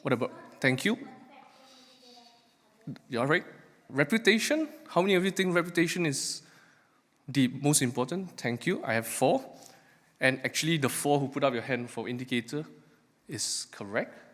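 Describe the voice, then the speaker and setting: Male academic presenter, emphatic lightning-talk delivery with questions put to the room, mid-range pitch, long hall reverb. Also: normal speed, long pauses, a bit bright. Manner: questioning, engages audience with rhetorical questions. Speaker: academic researcher giving a talk. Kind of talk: live lightning talk to an audience. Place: large hall, speaking to a live audience.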